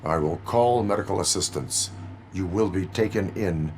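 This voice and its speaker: A man playing a stoic cyborg police officer in a video game, speaking in a formal, deadpan, clipped official way. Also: low voice, normal speed, slight background noise. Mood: stern, impassive. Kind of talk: video game character dialogue.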